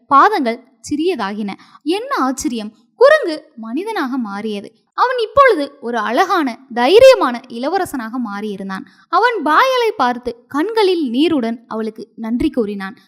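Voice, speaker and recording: A woman narrating a story in an expressive, dramatic storybook style. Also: sits high.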